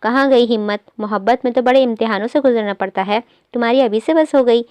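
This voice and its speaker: A woman's voice: a little high, fast talker, darkish tone, clear, resonant tone, no room sound, natural voice. A woman reading the lines of a stern young man who speaks in a taunting way.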